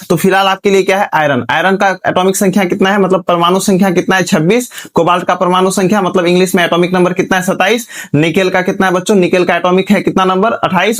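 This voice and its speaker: A male teacher giving a classroom lecture, asking students questions, answering them himself, and spelling words out letter by letter. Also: high voice. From Bihar, India.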